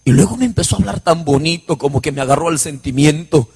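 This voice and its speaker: Husky preacher telling his testimony. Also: a little high, fast, darkish tone, long reverb tail. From Huánuco, Peru. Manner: emotional storytelling, passionate preaching cadence. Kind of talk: sermon testimony.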